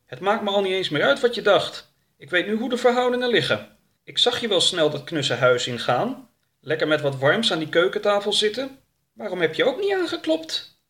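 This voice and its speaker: A man's voice: sits high, big pitch swings, normal speed, fairly bright tone, voice pushed up. A man voicing a touchy, sulky talking duck in a storybook reading, sarcastic and indignant.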